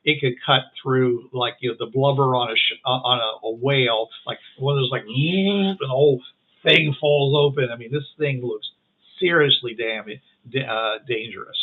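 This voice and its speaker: Halting man game master on a tinny line. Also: medium pitch. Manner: halting, full of restarts and fillers. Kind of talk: narrating a tabletop game. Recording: phone-like online call.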